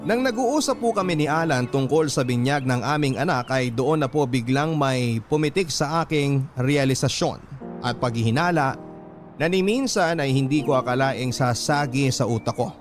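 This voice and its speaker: For a radio love-story drama, a man narrates a scripted letter in a medium-pitched voice. His delivery is measured, earnest, and animated, with background music clearly audible behind him.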